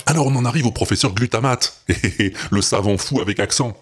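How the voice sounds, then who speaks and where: A man's voice: medium pitch, a little fast, breathy edge, faint music behind. A man hosting a podcast, announcing results in a chatty, teasing way. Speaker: podcast host.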